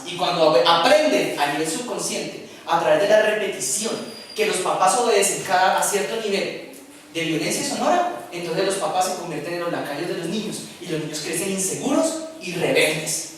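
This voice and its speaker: Lively preacher in an echoey hall. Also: male voice, high voice, moderate pace, a little hiss or hum. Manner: lively storytelling, acting out scenes with questions to the audience. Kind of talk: sermon. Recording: echoey room, speaker far from mic.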